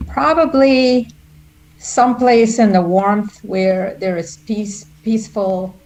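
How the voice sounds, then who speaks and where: A woman's voice: medium pitch, slow pace, a little mellow, slight background noise, rough recording. A woman from Guyana co-hosting a live panel over a video call, speaking in a reflective, easygoing way with repeated words. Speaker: co-host. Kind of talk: casual panel chat.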